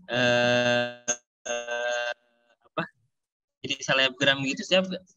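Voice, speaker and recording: A man's voice: mid-range voice, slow pace, dull audio, music in the background. A man speaking casually in an online workshop, his call audio breaking up and glitching. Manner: chatty, frequent restarts and fillers. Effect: choppy, breaking-up online call audio. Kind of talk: casual online seminar talk. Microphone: video call.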